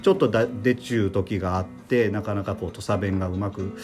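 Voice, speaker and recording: Man with a Tosa accent, chatting casually. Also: lowish voice. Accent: Tosa dialect. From Kochi, Japan. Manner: relaxed, halting, many fillers, explains words. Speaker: podcast co-host. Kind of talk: casual conversational chat. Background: soft guitar music.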